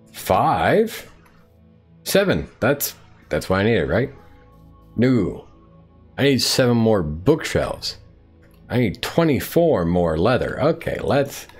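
Man, gaming streamer, lively up-and-down delivery, low voice, faint music underneath. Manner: talks to the game animals, playful. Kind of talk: live gameplay commentary.

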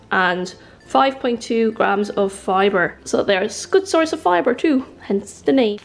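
Chatty Irish woman showing off groceries. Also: fairly high pitch. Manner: chatty, upbeat product run-through. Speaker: vlogger. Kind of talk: grocery haul narration. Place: home kitchen.

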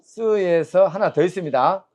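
A man's voice: sits high, unhurried, darkish tone. A middle-aged man teaching a classroom lesson, drilling sounds by singing syllables and having students repeat them. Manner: drills tones by singing syllables, call and response.

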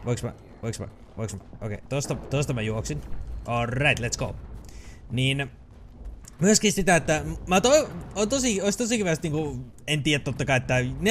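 Excitable Finnish gamer, lively pitch. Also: male voice, slight background noise. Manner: excitable, chatty, swears and laughs often. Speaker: gaming channel host. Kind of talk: let's play commentary.

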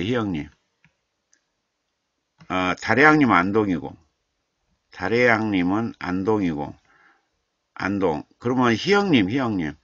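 A man, a literature professor, hosting a live stream and chatting slowly as he reads viewer comments aloud, chuckling and repeating names. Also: lowish voice, fairly bright tone, dry recording. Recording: dull, dry lo-fi stream audio.

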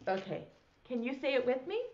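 A woman's voice: high-pitched, sing-song, a little fast, darkish tone, muffled recording. A middle-aged woman leading a children's nursery-rhyme lesson in a broad, singsong, theatrical way. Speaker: preschool teacher hosting a children's circle time. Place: small indoor classroom set. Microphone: lapel mic.

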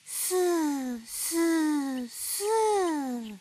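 Voicing a gentle, motherly owl teacher, a woman reads a picture book aloud for toddlers, full of playful sound words. She speaks high-pitched and animated, extremely slowly and heavily acted, in a playful storytelling mood, with faint nature sounds behind her.

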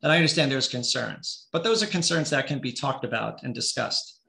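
Impassioned middle-aged man, gravelly. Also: medium pitch, a little fast, sharp tone, reverberant. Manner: passionate, pleading, emphatic repetition. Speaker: town youth director speaking at public comment. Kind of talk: impassioned public comment at a zoning hearing. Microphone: video call.

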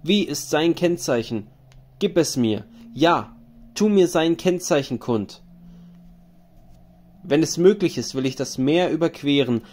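A man's voice: fairly high pitch, animated, unhurried, long pauses, darkish tone. Male reader as a mourning wandering hero king in an audiobook epic, solemn and lamenting. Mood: grieving.

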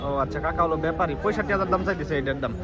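A man's voice: on the high side, rapid-fire. A man giving casual walk-around commentary as a vlogger and putting short questions to people nearby. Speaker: vlogger touring a cattle market. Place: outdoor cattle market. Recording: outdoor recording with very loud crowd. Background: very loud crowd, vehicles.

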